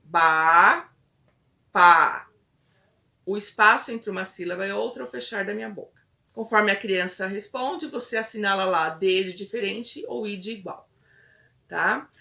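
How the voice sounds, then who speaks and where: A woman instructor delivers a patient, step-by-step lesson, stopping often to check that her listeners are following. Her voice is bright, with a sharp edge to it. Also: medium pitch, normal speed, vocal fry.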